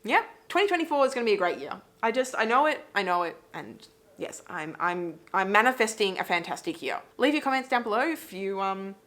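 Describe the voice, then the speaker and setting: A woman's voice: mid-range voice, very animated, fairly quick, fairly bright tone. A woman in her thirties from Britain hosting a casual sit-down Q&A for her channel, rambling in a chatty way with lots of "like" fillers. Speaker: YouTube reaction channel host.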